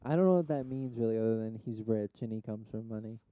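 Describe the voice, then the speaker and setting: A man's voice: lowish voice, fast talker, dark tone, no room sound. A man in a casual chat with friends, curious and asking lots of questions.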